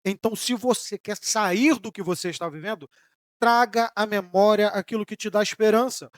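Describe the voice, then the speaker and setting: A Brazilian man preaching a sermon as pastor, rising in emphatic bursts and then dropping soft, sometimes voicing the questions of his listeners. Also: high-pitched, moderate pace, dry recording, studio quality. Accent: Brazilian Portuguese. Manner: preaching with emphatic rises and sudden soft drops; voices imagined questions from listeners.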